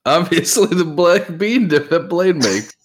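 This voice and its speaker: Playful man with a lively voice. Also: fairly high pitch, unhurried. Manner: laughing, playful questioning. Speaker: podcast co-host. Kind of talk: casual chat.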